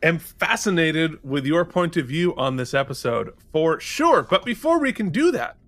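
Lively high-voiced man, joking podcast host. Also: normal speed, no room sound. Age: 40s. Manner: playful, joking, reads out listener ratings. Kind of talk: casual podcast chat.

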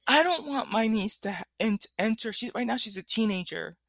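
A woman's voice: a little high, lively intonation, a little fast, fairly bright tone, dry recording, clean studio sound. A woman content creator speaking directly to her followers in impassioned commentary, emphatic, repeating key phrases and checking in as she goes. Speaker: content creator, host of a solo show.

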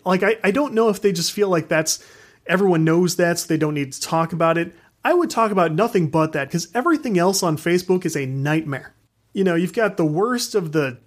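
A fairly high-voiced man rants through a casual podcast monologue. He is frank and animated, laughs as he goes, and swears without a second thought. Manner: ranting, frank, swears freely; animated, laughs while talking. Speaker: podcast host.

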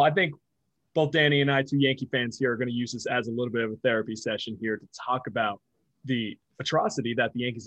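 A man co-hosting a podcast interview in a relaxed way, stumbling over words and laughing along with his guest. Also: mid-range voice, no echo, muffled recording. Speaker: podcast co-host. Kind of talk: casual chat.

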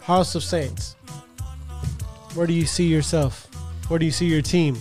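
A man's voice: a little high, fairly even intonation, measured pace, darkish tone, soft background music. A man hosting a podcast, chatting loosely with slang, swearing and tripping over his words. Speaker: podcast host. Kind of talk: casual podcast chat.

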